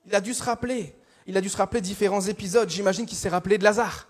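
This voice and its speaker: A young man from France delivers a sermon with a high-pitched voice. He tells stories in a lively, self-mocking way, often stumbling and restarting mid-phrase as he works up to his point. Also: rapid-fire. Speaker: preacher.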